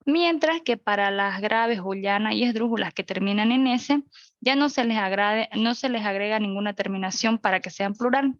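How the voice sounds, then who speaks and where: A woman's voice: mid-range voice, moderate pace, no room sound, dull audio. A young woman teaching an online class. She goes through examples one by one and checks in with her listeners. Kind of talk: virtual grammar lecture. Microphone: video call.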